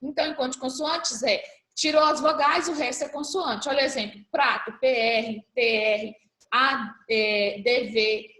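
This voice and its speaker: A woman's voice: high voice, steady tone, unhurried, sharp tone, roomy sound. A woman teaching a primary school class, patiently spelling out letters one by one as she reviews for a test. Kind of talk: recorded class review lesson.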